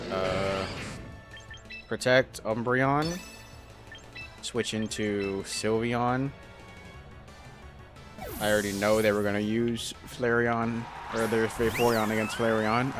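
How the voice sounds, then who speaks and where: A young gaming YouTuber with a lowish voice talks casually over his own gameplay. He thinks out loud in a hesitant, self-deprecating way, often restarting his sentences.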